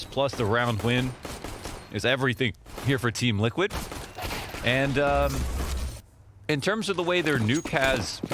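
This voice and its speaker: A man's voice: mid-range voice, noisy background. A man giving esports color commentary, thoughtful and hesitant, with many fillers. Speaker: analyst commentator. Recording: game sounds and gunfire behind.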